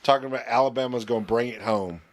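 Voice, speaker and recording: A man's voice: mid-range voice, fast talker. Stammering man, chatty podcast host. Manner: rambling, stammering restarts. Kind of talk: casual chat.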